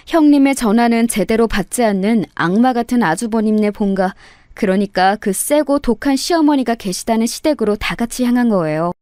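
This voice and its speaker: A woman's voice: on the high side, dark tone, dry recording. A woman narrating a true family story in a conversational storytelling manner on a close mic. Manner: conversational storytelling, heated when quoting herself.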